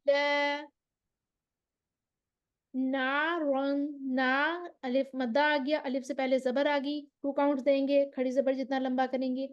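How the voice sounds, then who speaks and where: High-voiced woman teaching recitation. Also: level tone, muffled recording. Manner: explains patiently, drawing out sample syllables slowly; checks with the listener, asking "ok?". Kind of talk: tajweed lesson.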